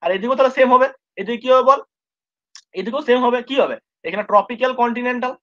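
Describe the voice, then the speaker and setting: A man's voice: extremely high pitch, quick pace, a bit bright. A male tutor giving an exam-prep geography lesson, informal with his students, repeating points and constantly checking they follow. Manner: informal, addresses students familiarly. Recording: dull lo-fi recording.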